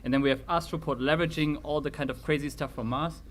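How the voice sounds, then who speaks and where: A man with a German accent co-hosting a casual livestream, thinking aloud in halting phrases and laughing often. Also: a little high, steady tone. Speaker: co-host picking giveaway winners.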